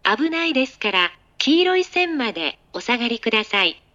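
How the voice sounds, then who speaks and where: A woman's voice: a little high, very animated, sharp tone, highs cut off. A woman giving a recorded, polite train platform announcement, phrase by phrase. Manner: polite, phrase-by-phrase delivery with pauses. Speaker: station announcer.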